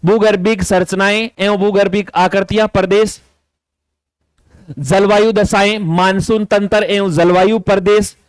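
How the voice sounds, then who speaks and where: A man's voice: high-pitched, level tone, a little slow, clear, resonant tone, no room sound. A man teaching as an exam coaching tutor, walking through a syllabus list and repeating key instructions. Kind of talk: syllabus walkthrough lecture.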